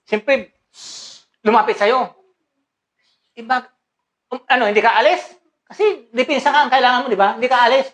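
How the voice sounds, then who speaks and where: Woman, slightly high voice, comedic karate teacher, short barked commands, frequent laughter. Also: normal speed, long pauses. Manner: teasing, barks short commands, laughs often. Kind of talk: playful comedic skit.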